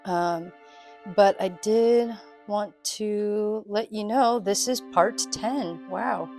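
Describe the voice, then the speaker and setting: A woman with a slightly low voice narrates and hosts a solo tabletop adventure. She takes her time, speaking slowly, with light music behind her. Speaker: host and player of a solo tabletop role-playing game. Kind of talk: story narration and casual game commentary. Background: soft music.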